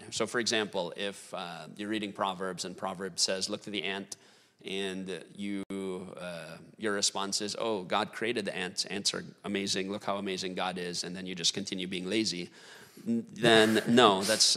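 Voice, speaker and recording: Guest theologian, male, bright gravelly low voice, halting and thoughtful. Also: in a large hall. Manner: thoughtful, many fillers, lively laughs. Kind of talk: casual theological discussion.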